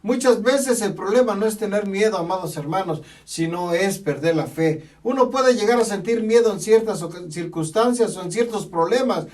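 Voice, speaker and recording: A man preaching a sermon, emphatic and repetitive, often pausing to say amen. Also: sits high, darkish tone. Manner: emphatic, repeats phrases, punctuates with "amén". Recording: voice from a distance from the mic.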